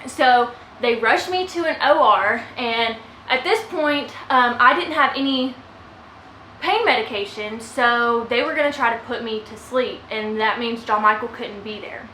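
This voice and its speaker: A woman's voice: fairly high pitch, unhurried, pushed and bright, slight background noise. A young woman vlogger telling her own story casually to the camera, emotional and close to tears at times. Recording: echoey room with faint ambience.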